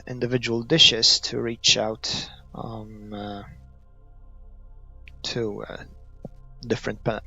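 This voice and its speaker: A gaming video creator from Malta gives unscripted gameplay commentary in a Maltese accent, hesitant and thinking aloud, often trailing off as he hunts for words. His creaky, gravelly voice carries a sharp tone. The audio is muffled, dull and low-fidelity, with light music underneath and no room sound.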